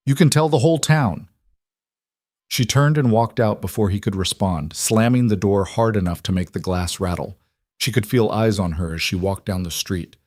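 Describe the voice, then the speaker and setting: A man with a lowish voice reads a scripted dramatic story in a measured way. The recording is close and dry, with no room sound. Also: a little mellow, dry recording. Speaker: narrator.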